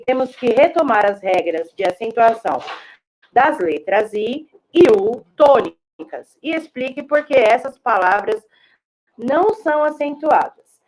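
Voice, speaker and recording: A woman teacher, giving a remote classroom lesson and explaining slowly and patiently, often checking in with her class. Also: fairly high pitch, sing-song, a little mellow, poor audio.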